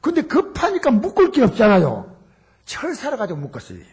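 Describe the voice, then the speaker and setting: Middle-aged pastor guy, super clear smooth voice, high and lively, acts out the yelling bits. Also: brisk. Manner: animated storytelling, acting out shouted quotes. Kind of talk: sermon with personal story. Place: church sanctuary.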